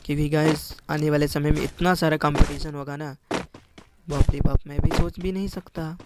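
A man commentating his shooter game to viewers, excitable and repeating his words. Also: on the high side, normal speed. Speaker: gaming YouTuber. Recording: loud background noise.

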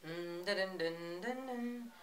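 Slow-talking amused male reactor. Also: high-pitched. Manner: laughs often, chatty and amused. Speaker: reaction video host. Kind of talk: casual reaction commentary.

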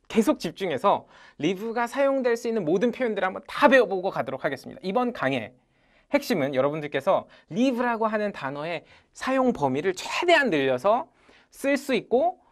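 A teacher leading an English lesson in front of a class, calling out phrases for the room to repeat and praising their answers. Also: mid-range voice. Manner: energetic, calls out drills and repeats phrases loudly. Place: lecture room with a live audience.

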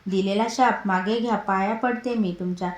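A woman's voice: medium pitch, steady tone, normal speed, lightly acted. Woman reading as a pleading young princess. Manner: pleading, apologetic. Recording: roomy echo.

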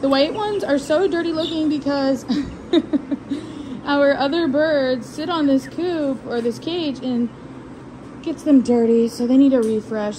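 A woman's voice: high-pitched, noisy background. A young woman, heavily pregnant, chatting casually to her viewers while filming herself with a phone in a farm barn. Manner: chatty, talks to viewers and animals. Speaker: vlogger. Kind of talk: casual vlog narration. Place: farm barn and pasture, outdoors and in open barn. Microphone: phone held at arm's length.

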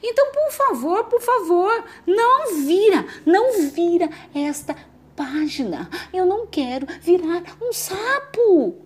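A woman's voice: sing-song, slow pace, full character voice. A woman voicing a desperate male storybook character who melodramatically begs the reader not to turn the page. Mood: pleading. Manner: frantic, melodramatic pleading with wild pitch leaps.

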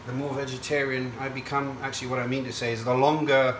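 A man's voice: mid-range voice, little pitch movement, fast, recorded from a distance. A man talks as a cooking show host, casually explaining each step to camera in a chatty, digressive way. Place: indoor kitchen at a stove. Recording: echoey kitchen, off-mic, hiss and sizzle. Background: frying sizzle and stirring.

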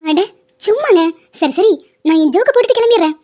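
A woman's voice: extremely high pitch, expressive, a little fast, mellow. A woman voicing a young woman patient in a cartoon drama, teasing and chatty as she jokes with her family before surgery. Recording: dull lo-fi sound.

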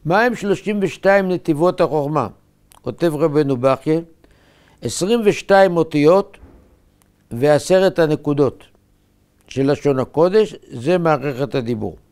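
A man, a rabbi, preaching a sermon in short, emphatic, measured phrases. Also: on the high side, darkish tone.

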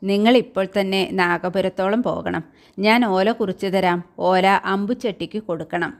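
A woman's voice: medium pitch, normal speed, close to an everyday voice. A woman voicing a grown warrior who gives orders to his pupils in a storybook reading. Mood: commanding. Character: grown warrior man, commanding teacher.

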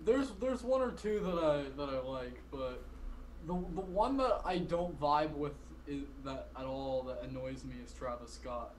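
A man's voice: fairly high pitch, expressive, a little slow, low-quality recording. A young man of about twenty chatting casually as a podcast guest, rambling and often cutting himself off mid-sentence. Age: around 20. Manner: rambling, filler-heavy, self-interrupting. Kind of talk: casual chat. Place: bedroom, indoors. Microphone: video call.

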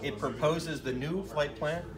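A middle-aged man giving a technical product demonstration, measured and full of fillers. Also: a little high, far from the mic. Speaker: company product expert.

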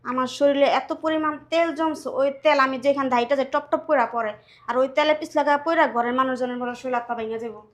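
A woman playing a frail, meek elderly mother-in-law, speaking softly and pleadingly. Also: high voice, fairly even intonation, quick pace, lightly acted. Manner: pleading, soft-spoken. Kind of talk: amateur drama acting.

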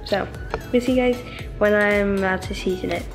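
Chatty and casual, a young woman cooks in a large home kitchen and explains each step in a mid-range voice at a moderate pace. The kitchen is echoey with music behind her, and her handheld camera is sometimes placed further away.

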